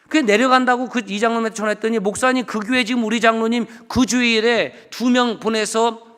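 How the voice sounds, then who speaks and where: A male pastor with a notably high voice tells stories from the pulpit and acts out each conversation, swinging from loud emphatic bursts to low muttered asides. His words ring out with the long reverb of a church sanctuary. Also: fairly even intonation, brisk, clear, resonant tone. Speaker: guest pastor. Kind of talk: storytelling sermon with testimony.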